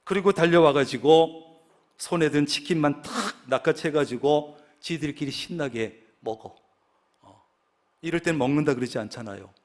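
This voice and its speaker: A man's voice: fairly high pitch, normal speed, a little mellow. A male pastor preaching a sermon, telling stories and acting out the voices he quotes.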